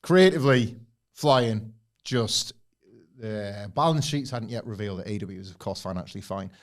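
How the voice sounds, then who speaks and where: On a wrestling podcast, this male co-host speaks in a lowish, animated voice at a moderate speed. The talk is casual, and his enthusiastic opinions tend to ramble on at length.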